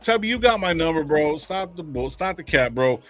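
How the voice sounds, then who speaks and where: A man's voice: fairly high pitch, animated, normal speed, a bit bright, soft background music. A man hosting a podcast in casual, profane, slangy banter. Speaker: podcast host. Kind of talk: casual chat.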